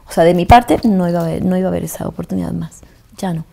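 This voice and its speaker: A Mexican woman, a guest actress, telling a personal story softly and haltingly, her voice often sinking toward a whisper. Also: on the low side, gravelly.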